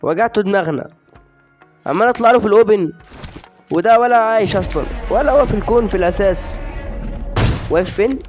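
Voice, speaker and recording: A man's voice: high-pitched, fast, pauses often, a little mellow, soft background music. A young man with an Egyptian Arabic accent giving live commentary on his game, joking and exasperated with his opponents. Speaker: gaming YouTuber.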